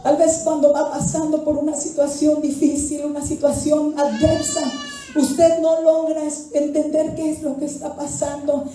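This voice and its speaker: A woman's voice: high-pitched, flat delivery, moderate pace, mellow, soft background music. A woman pastor preaching a fervent sermon to a congregation, rising to impassioned cries. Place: church sanctuary. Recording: very echoey church hall, mic far off.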